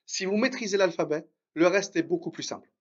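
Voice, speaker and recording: A man teaching Arabic reading in a live online lesson, encouraging his students and drilling syllables slowly with much repetition. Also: sits high, highs cut off.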